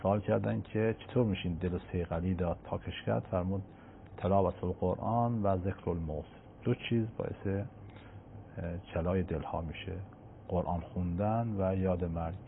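Cleric: gravelly, low-voiced man, measured, quoting scripture, heard over a tinny line. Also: fairly even intonation, slight background noise. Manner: measured, quotes scripture in Arabic. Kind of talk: religious answer to a caller. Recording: tinny phone-line sound.

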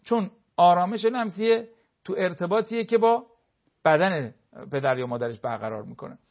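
A man's voice: high-pitched, muffled recording. A man speaking as a family counselor, explaining with everyday household examples and briefly acting out what spouses say. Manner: lively, acts out spouses' remarks in quotes.

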